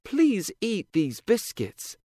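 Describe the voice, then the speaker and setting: Man doing a high little girl voice, timid and polite, bouncy. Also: wildly swooping pitch, slow, no echo, full character voice. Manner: raised, gentle childlike voice.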